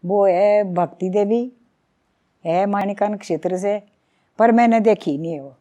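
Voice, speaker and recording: A woman's voice: medium pitch, a little slow, mellow, lo-fi sound. A middle-aged woman from Himachal Pradesh with a Himachali Pahari accent, a folk singer and songwriter talking earnestly and reflectively in an interview. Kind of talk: conversational interview.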